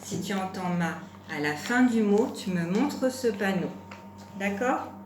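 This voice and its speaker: Woman teacher for a small children's phonics lesson: slow and patient, stretches words, echoey room with faint noise. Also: mid-range voice, animated. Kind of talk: home-school phonics lesson for young children.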